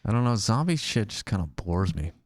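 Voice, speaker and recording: A man's voice: lowish voice, sing-song, a little fast, no room sound, clean studio sound. A young man co-hosting a podcast in casual chat, hesitant with lots of fillers and restarts. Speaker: podcast co-host.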